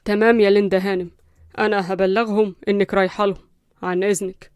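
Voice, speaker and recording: A woman plays a middle-aged male lawyer in a storybook, with an Egyptian Arabic accent. He speaks formally and insistently, in a smooth, clear and quick voice, recorded dry and close. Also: mid-range voice, level tone, darkish tone, dry recording, close to an everyday voice.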